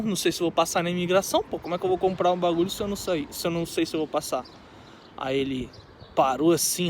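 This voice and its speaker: A Brazilian man telling a story in a casual, animated way, acting out both sides of a conversation. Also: sits high, slight background noise. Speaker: vlogger.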